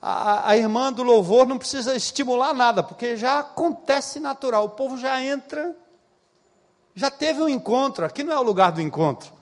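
A man preaching a sermon as pastor, emphatic, asking the listeners direct questions and swinging from loud to soft. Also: extremely high pitch, moderate pace.

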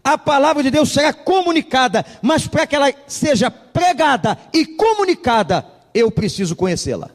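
High-voiced preaching pastor in a hall. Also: male voice, sing-song, moderate pace. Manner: humorous anecdotal preaching, acts out dialogue. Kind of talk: sermon with storytelling.

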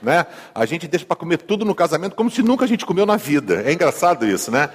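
A man's voice: a little high, very animated, fast, slightly rough. A male pastor with a Brazilian accent preaching a sermon in a humorous, conversational way, often asking the congregation questions. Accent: Brazilian Portuguese. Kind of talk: sermon with storytelling. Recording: long hall reverb.

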